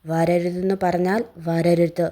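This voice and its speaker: A woman's voice: on the low side, level tone, measured pace, dark tone, lightly acted. A woman voicing a resentful young man who speaks in a curt, cold and clipped way. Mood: cold, defiant.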